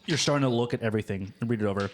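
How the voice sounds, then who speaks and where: A man's voice: fairly low pitch, rapid-fire, a little hiss or hum. A man narrating as game master of a tabletop role-playing game, describing scenes loosely with plenty of fillers.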